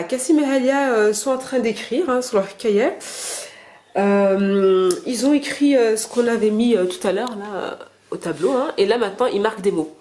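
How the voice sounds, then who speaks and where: A woman's voice: fairly high pitch, darkish tone, slight background noise. Mom at home doing a chill vlog, lots of umms, patient and encouraging with her kids. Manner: hesitant, fills pauses with "euh". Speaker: mother home-schooling her children. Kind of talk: casual vlog, explaining and teaching.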